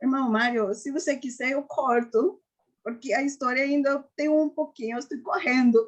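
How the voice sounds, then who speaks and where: A woman giving an earnest personal faith testimony, often halting and restarting. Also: sits high, steady tone. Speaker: testimony giver.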